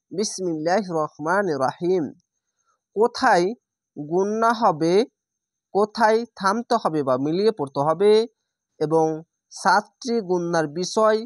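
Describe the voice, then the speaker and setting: A woman teaching Quran reading in a step-by-step lesson. She spells out each letter, then draws out the recited word slowly. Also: fairly low pitch, dry recording, studio quality. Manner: stresses throaty sounds by repeating them.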